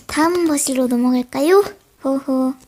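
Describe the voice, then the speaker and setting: A teenage girl with a mild sore throat, playing a livestreamer who chats with and scolds imagined viewers in a scripted role-play. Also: high voice. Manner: talks straight to imagined chat viewers, scolding and chatty. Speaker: solo role-play creator.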